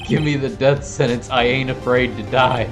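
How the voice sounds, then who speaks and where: A man's voice: mid-range voice, fairly even intonation, normal speed, natural voice. A man voicing a melodramatic, despairing young man accused of murder in a video game. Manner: wailing, dramatic. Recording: music behind the voice.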